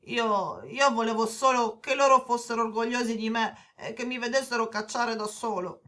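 A woman's voice: fairly high pitch, fairly even intonation, normal speed, a bit bright, natural voice. A woman voicing a shy young boy who stammers out apologies in a children's audio story. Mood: remorseful.

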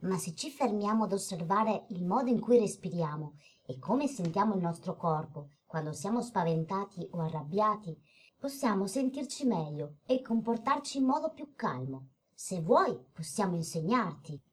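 A woman voicing a gentle, caring young girl in a children's audio story. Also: mid-range voice, lively intonation, normal speed, breathy edge. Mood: calm.

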